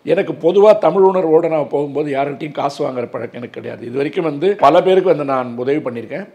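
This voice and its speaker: A man's voice: fairly high pitch, fast talker, dark tone, muffled recording. A man in his sixties, an advocate, speaking earnestly and emphatically in an interview, with a lot of filler words. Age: 60s.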